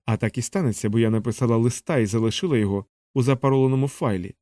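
A man reading as a clever young girl who calmly and firmly stands up to her brother. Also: mid-range voice, very fast, no room sound, clean studio sound, close to an everyday voice.

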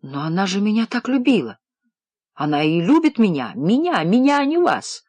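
A man's voice: high-pitched, sing-song, brisk, dry recording. A male reader voicing a spoiled young man who whines and snaps in a childish, petulant way, in an audiobook. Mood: tearful, whining. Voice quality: whining, childish.

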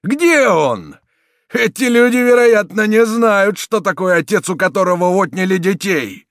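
A man's voice: high-pitched, lively intonation, measured pace, no room sound, studio quality, pitched above the performer's own voice, full character voice. A man reading an audiobook voices a grieving, angry marshal searching for his daughters. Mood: furious. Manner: anguished, shouting. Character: grieving middle-aged marshal, a proud angry father.

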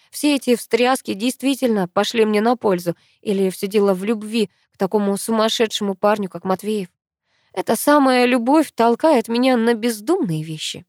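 A woman's voice: fairly high pitch, darkish tone, no room sound, studio quality. A woman narrating a novel in the first person, with a heightened, emotional delivery. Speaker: audiobook reader.

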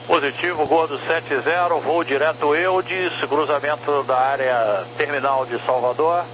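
A man's voice: a little high, steady tone, a little slow. A Brazilian man working as an approach air traffic controller, giving courteous, informal instructions in radio phraseology over an aviation radio link. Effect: aviation radio transmission. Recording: noisy aviation radio with hum.

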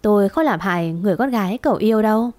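A woman voicing a proud, calm young wife who gives firm orders, in a storybook reading. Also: medium pitch, rapid-fire, close to an everyday voice. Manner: cool and firm, commanding.

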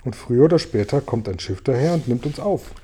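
A man voicing a calm, sensible young boy in a storybook reading. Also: medium pitch, brisk, breathy edge. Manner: calm, reassuring.

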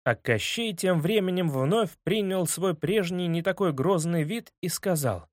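A man narrating a children's audiobook in a lively, expressive storytelling manner. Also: high-pitched, a little slow, no echo, studio quality. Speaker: audiobook reader.

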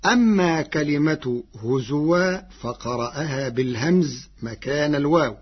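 A man explaining variant Quran readings in formal, measured speech, chanting each quoted verse slowly, from a dull lo-fi radio broadcast. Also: on the high side, husky. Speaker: Quran recitation teacher. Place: radio studio.

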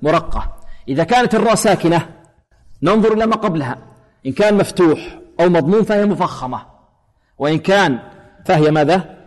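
Man teaching tajweed, slow demonstrations. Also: fairly high pitch, lively intonation. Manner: explains rules, then slowly demonstrates letters and verses. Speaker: Quran recitation teacher. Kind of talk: tajweed lesson with recited examples. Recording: long hall reverb.

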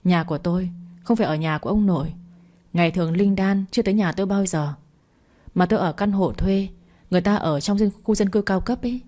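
A woman's voice: medium pitch, a little fast, mellow, close to an everyday voice. A woman reading the lines of a brusque, domineering man in a storybook reading, in a curt, commanding way.

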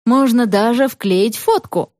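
A woman narrating a storybook in an expressive reading style. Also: a little high, slow, no echo, clean studio sound.

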